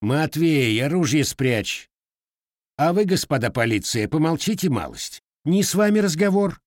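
Male reader doing an old Cossack elder, booming and commanding, pitched up high, dry close sound. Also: very animated, unhurried, no echo. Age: older. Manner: booming, authoritative.

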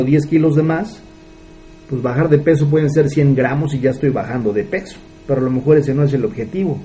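Here a thirtysomething business mentor, Mexican Spanish accent audible, earnestly motivates his listeners and asks rhetorical questions. The voice sits somewhat high and sounds mellow. Slight background noise and low audio quality mark the clip.

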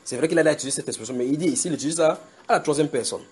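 A man preaching a sermon at a house church, slowly repeating scripture and checking in with the congregation. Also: a little high, slightly rough. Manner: emphatic, repeats scripture slowly with call-and-response tags to the congregation. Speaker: pastor.

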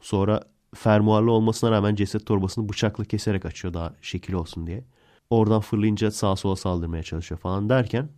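A man's voice: on the low side, mellow. A man hosting a podcast, casually retelling a film plot in a rambling way and correcting himself as he goes. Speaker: podcast host.

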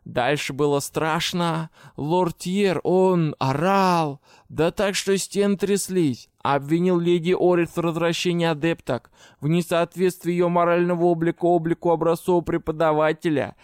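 A man voicing a gossipy male goblin gatekeeper in an audiobook, telling his story slowly and with emphasis. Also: a little high, steady tone, darkish tone, smooth, dry recording, clean studio sound, natural voice. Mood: alarmed.

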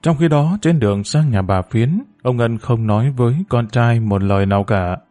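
A man narrating an audiobook story in a steady, measured way. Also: mid-range voice, no echo, soft background music.

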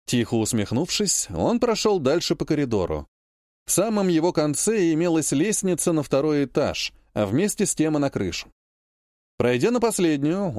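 A male audiobook narrator reading with expressive storytelling. His voice sits a bit high and moves a lot in pitch, with a dry, close recording. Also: dry recording. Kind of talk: scripted narration.

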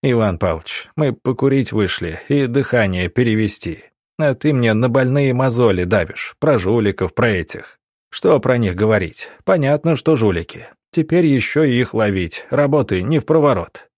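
A man voicing a gruff, hot-tempered police officer who barks threats in an audiobook. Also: medium pitch, expressive, normal speed, darkish tone, dry recording, studio quality, natural voice. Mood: weary. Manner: barking, threatening.

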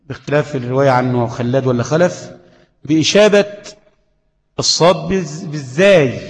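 An Egyptian man teaches tajweed, tossing rhetorical questions to his students as he explains. His voice has a gravelly edge. A long reverb trails behind it, as in a hall. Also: mid-range voice. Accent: Egyptian Arabic. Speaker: Quran recitation teacher. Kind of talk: tajweed lesson.

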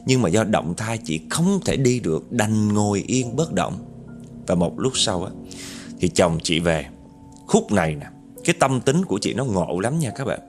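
A man's voice: on the low side, sing-song, normal speed, soft background music. A man telling a horror story, chatting directly to his listeners.

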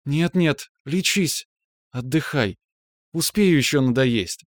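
A man voicing a tender young woman, the hero's sweetheart, who speaks softly and affectionately in an audiobook story. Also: medium pitch, lively intonation, takes it slowly, no echo, clean studio sound, voice pushed up. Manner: soft, affectionate.

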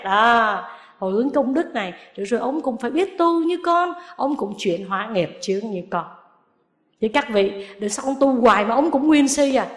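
A woman, a Buddhist nun, giving a sermon with lively storytelling and acting out the people she quotes. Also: on the high side, roomy sound.

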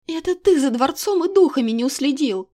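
A woman's voice: fairly high pitch, moderate pace, a little mellow, voice pushed up, close to an everyday voice. A woman doing a defiant, hot-tempered heroine. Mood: furious. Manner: heated, raised, indignant.

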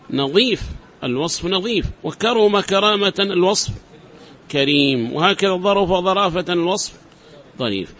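Man, high-pitched voice, classroom teacher, patient explanations, repeats examples, quizzes students. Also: fairly bright tone. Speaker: teacher of Arabic grammar. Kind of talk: classroom lecture.

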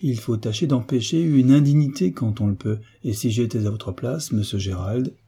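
A man's voice: mid-range voice, normal speed, mellow, husky. A man voicing a blunt, affectionate old navy veteran who speaks frankly and firmly. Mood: indignant. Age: older. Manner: frank, firm, plain-spoken.

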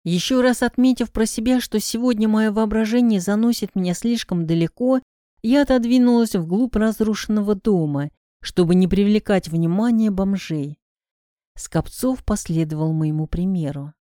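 Woman, audiobook narrator, warm mellow voice, measured storytelling, dry close recording. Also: medium pitch, no room sound. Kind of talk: first-person audiobook narration of a detective novel.

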